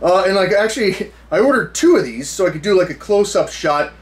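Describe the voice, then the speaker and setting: An American man in his thirties hosting a food challenge to camera, talking casually and haltingly with mock-serious bravado. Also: high-pitched, lively intonation. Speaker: food challenge video host. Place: small indoor room full of memorabilia.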